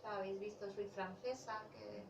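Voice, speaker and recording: A woman's voice: medium pitch, steady tone, moderate pace, creaky, highs cut off. A woman talks casually about her novel at a bookshop presentation, often restarting and correcting herself. She sounds somewhat far the mic, with the room adding a noticeable echo. A faint hiss sits under her voice. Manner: chatty, self-correcting, laughs while talking. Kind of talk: casual book talk.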